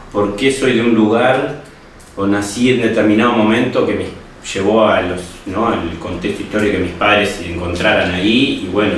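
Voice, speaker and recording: Reflective young Uruguayan man, echoey room. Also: on the low side. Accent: Uruguayan Spanish. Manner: reflective, many restarts and tag questions. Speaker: history student and teacher. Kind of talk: personal interview testimony. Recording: echoey room, distant mic, faint noise.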